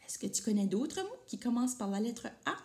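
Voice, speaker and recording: A woman's voice: on the high side, a little fast, a little hiss or hum. A woman teacher reading a picture book aloud to children, asking them questions as she goes. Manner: lively, addresses children with questions. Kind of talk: storybook read-aloud.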